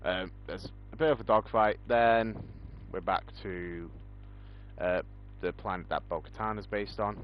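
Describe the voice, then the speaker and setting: A young man with a fairly low voice chats loosely, filling gaps with ums as he goes. The recording sounds dull and lo-fi. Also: steady tone, measured pace, slight background noise. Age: young adult. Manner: rambling, many ums. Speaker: podcast host. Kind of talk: casual chat.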